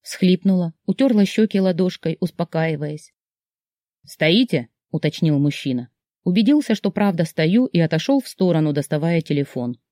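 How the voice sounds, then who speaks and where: A woman reads a first-person story aloud with expressive, emotional delivery. Her voice is mellow and close, with a dry studio sound that has no room echo. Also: on the low side, moderate pace. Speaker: audiobook narrator. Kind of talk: first-person audiobook narration.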